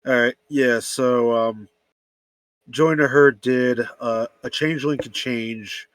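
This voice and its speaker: A young man talks on a casual online panel with a mid-pitched voice. He stops often to search for words and repeats himself. The sound is dry and close. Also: steady tone, takes it slowly, no room sound. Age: young adult.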